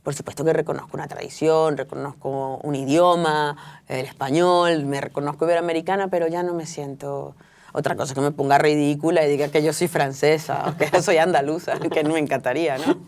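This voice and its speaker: Her low, darkish voice holds a steady tone as this middle-aged woman from Venezuela, an author guesting on an interview, talks fairly quickly and thoughtfully. Restarts and filler words come up often.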